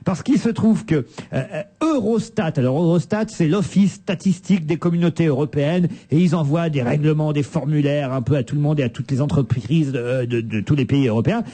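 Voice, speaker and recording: High lively guy hosting a radio panel show, dark husky tone, kinda exasperated and joking. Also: brisk, hardly any pauses. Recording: radio studio broadcast.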